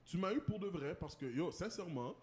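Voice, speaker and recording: A man's voice: sits high, animated, fairly quick, darkish tone, slight background noise. A man with a Québécois accent interviewing a guest in a casual chat, easygoing and agreeable. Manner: easygoing, agreeable, lots of "ok" and "ouais".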